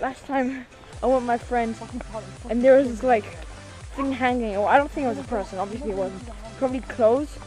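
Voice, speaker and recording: A woman vlogging casually, excitable and profane, often repeating her phrases. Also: fairly high pitch, low-quality recording. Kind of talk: casual handheld vlog. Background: music playing.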